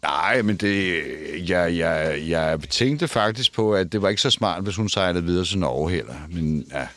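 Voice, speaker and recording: Older man with a halting stammer, very low voice. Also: expressive, a bit bright, faint music behind. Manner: stammering, repeats words and restarts. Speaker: interview guest. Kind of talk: casual conversation. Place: studio. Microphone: headphones and studio mic.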